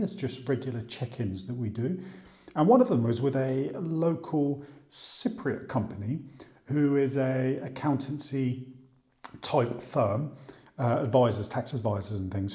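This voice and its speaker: Man from the UK, vlogger, mellow warm voice, chatty, thinking aloud. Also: medium pitch. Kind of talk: casual vlog talk to camera. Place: outdoors by the sea, then at home.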